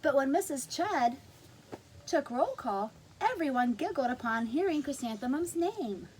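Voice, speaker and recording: A woman reading a picture book aloud to young children, gently explaining words and adding asides. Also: high-pitched, sing-song, a little slow, slight background noise.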